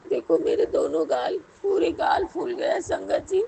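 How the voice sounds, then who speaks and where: Middle-aged woman, devotional prayer, pleading delivery; high, very gravelly voice. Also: wildly swooping pitch, measured pace, warm tone, a little hiss or hum, rough recording. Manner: pleading, repeatedly addressing the guru. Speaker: devotee sharing a personal prayer.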